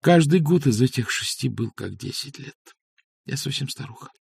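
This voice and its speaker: A man's voice: mid-range voice, animated, normal speed, gravelly, a little mellow, husky, no echo, voice pushed up. A male reader voicing a playful, lovestruck woman who teases and orders her man about, in an audiobook. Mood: teasing. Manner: teasing, bossy. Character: lively playful woman in love.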